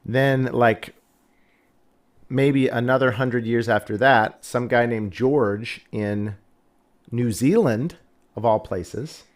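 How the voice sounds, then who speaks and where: A man's voice: mid-range voice, takes it slowly. Chatty man rambling through a story. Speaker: host. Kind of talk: casual live stream chat.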